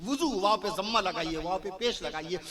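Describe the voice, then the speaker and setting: High shrill preacher, shouts and repeats himself to a murmuring crowd; brief: declamatory male cleric. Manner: declamatory, shouted rhetorical questions and repetition. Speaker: Islamic preacher. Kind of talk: fiery sermon to a gathering. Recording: crowd murmur at a religious gathering.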